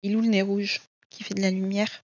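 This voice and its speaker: Brief: a chatty woman gushing over her books, mid-pitched voice, close dull home recording. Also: level tone, fairly quick, no room sound. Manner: chatty and gushing, frequent "euh" and repeats. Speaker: coloring book vlogger. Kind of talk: casual chat showing books.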